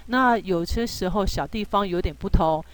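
A woman teaching English phonics in a relaxed, patient way, with many drawn-out fillers and reassuring asides. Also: medium pitch. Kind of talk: relaxed spoken lesson.

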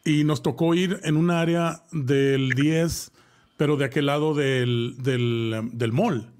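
A man's voice: a little high, steady tone, slow, darkish tone. Chatty man telling a horror story. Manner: rambling with many "este" fillers and restarts; chatty, addresses co-host directly with slang. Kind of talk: casual live-show storytelling.

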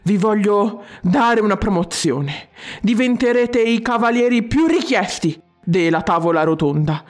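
A boisterous, bossy boss who rules his themed restaurant as its king, as an audiobook narrator puts him on. He talks in loud, booming exclamations and swings his voice low for emphasis. Soft music plays faintly behind. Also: lively intonation, measured pace, close to an everyday voice. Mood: expansive.

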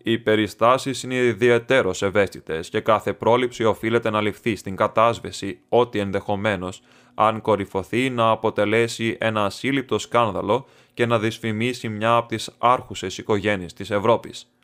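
A man's voice: on the low side, steady tone, fairly bright tone, natural voice. A man reading as a stately masked nobleman. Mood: grave, secretive. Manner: formal, stately, measured speech. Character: masked foreign nobleman, imposing, formal, secretive.

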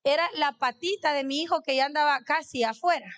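Woman preacher, high-pitched voice, middle-aged, chatty sermon style, asks the audience questions. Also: fairly quick, fairly bright tone. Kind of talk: sermon with personal testimony.

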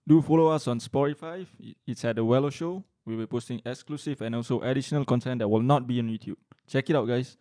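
A man's voice: mid-range voice, fast talker, dark tone, no room sound. A young Singaporean man co-hosting a show, chatting casually in Singlish. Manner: colloquial Singlish with lah and ah particles. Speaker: show co-host. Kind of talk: casual chat.

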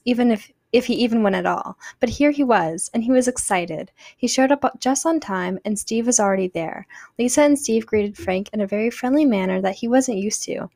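A woman hosting a fiction podcast, reading the story aloud in a plain, steady scripted narration. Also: medium pitch, gravelly, no echo, studio quality.

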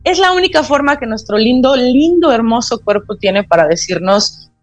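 A woman with a Mexican Spanish accent, an acupuncturist who is a guest on a radio talk show, explaining in an earnest, gently spiritual way. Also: fairly high pitch, expressive, moderate pace, dry recording, faint music behind. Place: radio studio.

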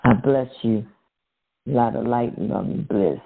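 A man speaking as a featured guest on a phone call, slow and effusive, giving blessings. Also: medium pitch, vocal fry, husky. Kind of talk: spiritual phone call chat. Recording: phone line.

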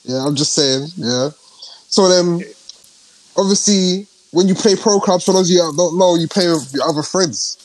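A man's voice: high voice, normal speed, dry recording, poor audio. A young man with a London roadman accent, chatting and joking in slang with his friends. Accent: London, urban roadman slang. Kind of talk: casual group banter.

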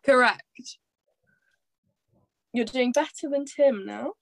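A woman's voice: high-pitched, slow pace, gravelly. A woman co-hosting a podcast, chatting bluntly and reading out quiz questions over a video call. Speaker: podcast co-host.

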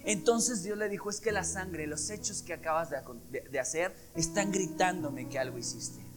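Man, high-pitched, preaching with guitar music behind, emphatic. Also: moderate pace. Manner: emphatic, acts out dialogues, swings between loud and hushed. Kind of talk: sermon. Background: soft guitar music.

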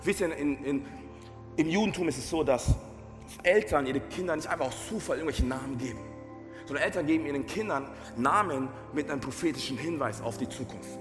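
A man's voice: on the high side, fairly quick. Passionate man preaching in a reverberant hall. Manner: passionate, addresses listeners directly with rhetorical questions; mixes English phrases into German. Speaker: pastor. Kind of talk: sermon. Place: church hall. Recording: roomy hall reverb with faint music.

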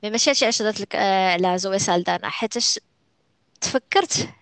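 Female podcast co-host, Moroccan Arabic accent, rapid-fire casual talk peppered with French and English, close dry sound. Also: mid-range voice, fairly even intonation, a bit bright, no echo. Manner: switches often into French and English phrases. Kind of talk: casual chat about films and series.

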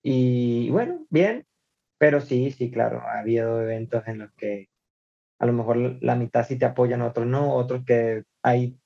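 A man, a guest singer, chatting casually on a podcast and telling stories about himself in a relaxed, self-deprecating way. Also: mid-range voice, unhurried, vocal fry, muffled recording.

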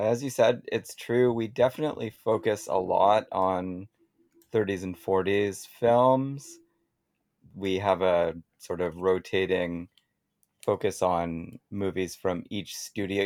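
A man's voice: low-pitched, darkish tone, no echo, studio quality. A man who is a podcast guest, chatting and explaining at length in a casual way.

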